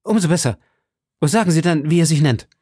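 A man's voice: on the high side, brisk, a little mellow, breathy edge, no echo, studio quality, voice pushed up. A man reading an audiobook, voicing an impulsive, passionate young male swordsman with heated, emphatic delivery. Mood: ardent.

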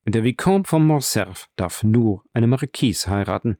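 A man doing a brisk witty journalist. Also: lowish voice, expressive, dark tone, dry recording, studio quality. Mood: assertive.

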